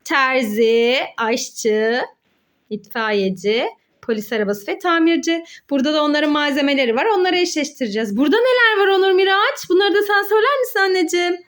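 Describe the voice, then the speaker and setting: Speaking a little fast in a high-pitched, somewhat bright voice, a mother hosts a children's play video. Her playful, educational chat with the child and viewers is encouraging and packed with questions and exclamations.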